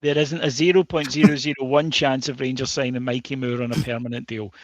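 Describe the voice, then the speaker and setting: This football podcast co-host is a Scotsman who chats informally, hesitating often and restarting his sentences amid plenty of fillers. He speaks fairly quickly at medium pitch with fairly even intonation, captured on a dull, dry, lo-fi recording.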